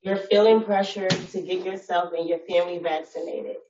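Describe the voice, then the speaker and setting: A woman trainee reading the health worker part of a role-play script in a steady, unhurried way. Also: lowish voice, far from the mic, muffled recording, background noise.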